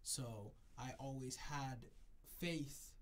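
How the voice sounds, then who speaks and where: An adult DJ originally from Jamaica, who moved to America as a child, speaks extremely slowly at medium pitch over a little hiss or hum. His casual interview talk is reflective, with repetition used to press his points.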